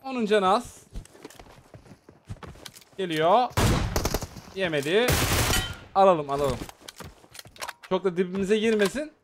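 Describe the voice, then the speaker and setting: A man hosting a gaming channel, giving excitable live commentary on a shooter match and chatting casually with his viewers. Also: high-pitched, slow, pauses often, background noise.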